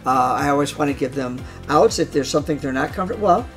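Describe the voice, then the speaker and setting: A man's voice: on the high side, quick pace, soft background music. A man explaining his craft as a hypnosis trainer in an interview, emphatic and repeating phrases for stress.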